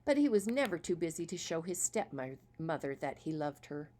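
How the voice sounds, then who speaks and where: Woman, storyteller, children's story, expressive, lowish voice, lively. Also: normal speed. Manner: expressive, asks listeners questions.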